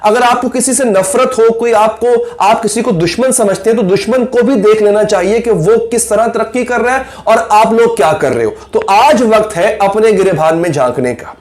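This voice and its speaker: High-voiced man lecturing earnestly. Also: normal speed, hardly any pauses, darkish tone. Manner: rhetorical questions, lecturing, self-critical. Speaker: YouTube commentator. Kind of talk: earnest video monologue.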